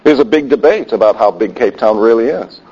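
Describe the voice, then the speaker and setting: A man's voice: medium pitch, animated, a little fast, darkish tone, slightly rough. A man preaching a sermon in a conversational way with wry asides. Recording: dull lo-fi sound.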